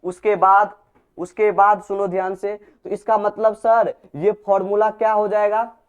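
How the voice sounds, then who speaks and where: A man's voice: high voice, little pitch movement, measured pace, smooth. A male physics teacher, giving a classroom lecture, repeating key terms as questions to his students. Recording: dull lo-fi recording.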